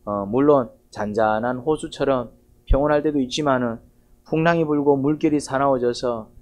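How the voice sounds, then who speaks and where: Dark-voiced pastor preaching to his church. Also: mid-range voice, moderate pace. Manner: asks the congregation rhetorical questions; retells the story vividly, like a storyteller. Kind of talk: Sunday sermon.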